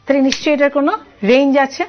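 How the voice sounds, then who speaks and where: A woman science tutor with a Bengali accent from Tripura teaches an online class, quizzing students and explaining step by step. Her high voice has little pitch movement and moves very fast, on muffled lo-fi audio.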